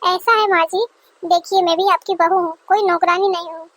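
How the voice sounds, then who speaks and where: A woman's voice: very high voice, steady tone, normal speed. A woman doing a defiant young wife. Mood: indignant. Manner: indignant, complaining.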